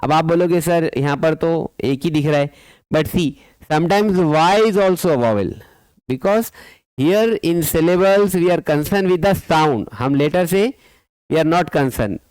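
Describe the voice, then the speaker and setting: Slow-spoken man teaching a class. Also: fairly high pitch, a little mellow, clear, resonant tone, dry recording, low-quality recording. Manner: mixes Hindi-Urdu and English, repeats words slowly for students. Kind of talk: school lesson explanation.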